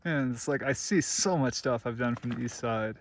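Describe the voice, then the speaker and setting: Gravelly man chatting outdoors on a trail. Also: medium pitch, moderate pace, a little hiss or hum. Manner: chatty and self-deprecating, thinking aloud with chuckles. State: out of breath at times. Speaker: solo backpacker filming his trip. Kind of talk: casual trail vlog talking to camera. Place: outdoors on high mountain passes and boulder fields.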